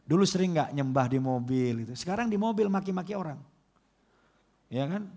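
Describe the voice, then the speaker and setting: A middle-aged male pastor, preaching a lively sermon that swings between comic mimicry and soft, prayerful moments. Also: a little high, brisk, vocal fry.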